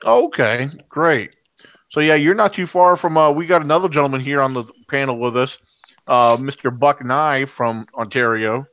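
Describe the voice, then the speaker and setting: A man hosting an online panel in a casual, halting, easygoing way. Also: medium pitch, fairly bright tone, no echo, lo-fi sound.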